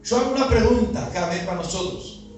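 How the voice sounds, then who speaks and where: High-voiced Uruguayan pastor preaching, echoey and distant. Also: male voice, quick pace, a little mellow. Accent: Uruguayan Spanish. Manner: preaching with rhetorical questions to the congregation. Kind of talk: sermon. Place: outdoor gathering in a neighborhood. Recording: echoey, from far off, with faint music.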